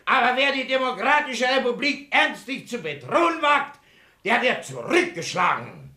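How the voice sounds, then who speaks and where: Pompous middle-aged politician, husky, slow and swooping, radio play bluster. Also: male voice, on the low side, wildly swooping pitch, exaggerated voice. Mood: declamatory, outraged. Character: pompous, domineering middle-aged small-town socialist politician and husband. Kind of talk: theatrical radio play acting.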